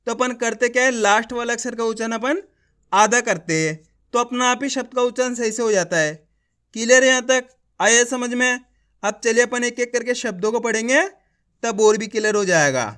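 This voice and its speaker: A man's voice: extremely high pitch, a bit bright, clean tone. A man teaching an online reading lesson, sounding words out syllable by syllable and checking in with viewers with repeated questions. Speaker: Hindi teacher.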